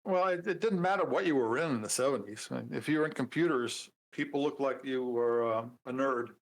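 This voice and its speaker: A man in his seventies, a programmer guest in a casual interview, talking in a relaxed way with dry humor and many fillers. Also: medium pitch, brisk, low-quality recording. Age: 70s.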